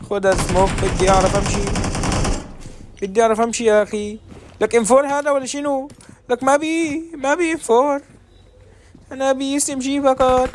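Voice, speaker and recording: A man putting on a Syrian Arabic accent as he plays a shooter game, raising his voice to demand gear and taunt enemies. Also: very noisy. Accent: put-on Syrian Arabic. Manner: raised pitch, demanding teammates and taunting enemies. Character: man faking a Syrian dialect mid-match, pushy and loud. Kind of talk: gaming commentary. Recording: game gunfire in background. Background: loud gunshots and clicks.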